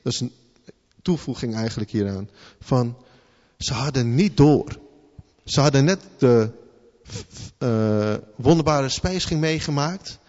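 A man's voice: mid-range voice, a little slow, long pauses, a little mellow. Man preaching informally in a reverberant hall. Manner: informal, conversational preaching with rhetorical questions and "hè" tags; repeats words and restarts while thinking aloud. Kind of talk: sermon. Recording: long hall reverb, slightly dull sound.

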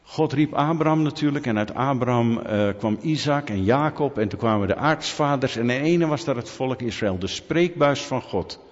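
A man delivers a sermon at a medium pitch, pressing his points hard and throwing questions out to the congregation. His voice rings with a long hall reverb. The recording sounds dull and muffled. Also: lively intonation, moderate pace, few pauses. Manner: emphatic, asks the audience rhetorical questions. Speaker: preacher.

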